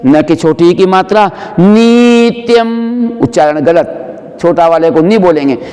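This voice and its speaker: A man teaching the pronunciation of a Sanskrit prayer. He explains the syllables briskly and then chants each word slowly and drawn out. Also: fairly high pitch, a little mellow, in a large hall.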